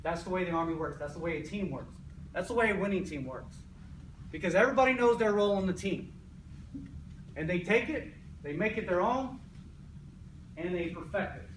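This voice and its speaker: A man's voice: sits high, expressive, brisk, long pauses. An American man, an army sergeant, giving a motivational pre-game speech in an emphatic, repetitive way, often checking in with "right?". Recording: echoey, noisy room, distant mic.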